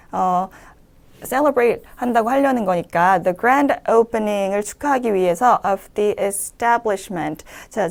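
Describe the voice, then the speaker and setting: A woman teaching English pronunciation in a lecture, explaining step by step and reading the English phrases slowly to show them. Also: a little high, gravelly, darkish tone. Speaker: English speaking-test instructor.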